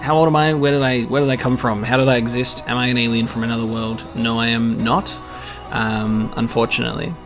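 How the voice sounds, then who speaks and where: Guitar music backs this Australian YouTube gaming creator in his twenties as he talks informally to subscribers. He's earnest yet hesitant, speaking briskly at a medium pitch that barely rises or falls.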